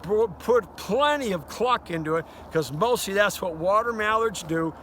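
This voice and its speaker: An older man with a high, lively voice speaks at a moderate pace, giving a casual, folksy hunting lesson as a duck calling instructor. He's outdoors by a river, and the noisy recording picks up outdoor ambience and the quacks of duck calls.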